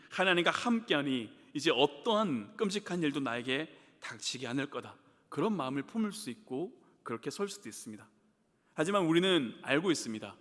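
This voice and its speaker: Korean pastor preaching in a reverberant church. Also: male voice, medium pitch, a bit bright. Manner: preaches with questions to the congregation and acts out the psalmist's voice. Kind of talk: sermon. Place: church sanctuary. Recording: long hall reverb in a church.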